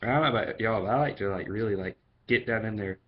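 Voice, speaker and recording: A man's voice: on the low side, fast. A man giving a casual, chatty product review in vlog style. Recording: dull, lo-fi sound.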